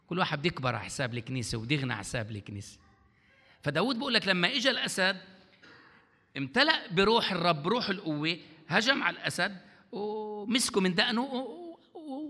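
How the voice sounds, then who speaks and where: A man's voice: a little high, sharp tone. A man preaching a sermon as pastor, throwing out questions for the congregation to answer. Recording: long hall reverb.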